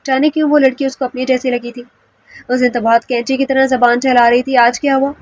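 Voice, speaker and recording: A woman reading a romance novel aloud as an audiobook narrator in steady storytelling. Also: high voice, fairly quick. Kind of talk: scripted narration.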